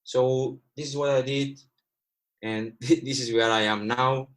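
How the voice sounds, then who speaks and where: Steady and unhurried, this mid-range voice belongs to a twenty-something man from Cyprus whose native language is Greek. Appearing as a guest trader, he chats earnestly with livestream viewers, says things more than once, and keeps addressing them as "guys."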